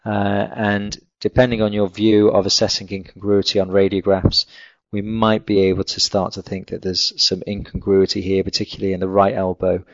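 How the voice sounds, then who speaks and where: A man with a low, gravelly voice talks through a clinical case over his slides. He is measured and technical, pausing often on fillers. The recording is dull and dry, with no room sound. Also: flat delivery, dry recording. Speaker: veterinary lecturer.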